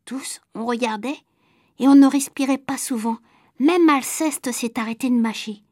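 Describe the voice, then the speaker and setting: A woman reading a children's story aloud in a calm, lively storytelling manner. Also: sits high, moderate pace, dry recording, clean studio sound. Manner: calm, lively storytelling that drops soft for suspense. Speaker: narrator.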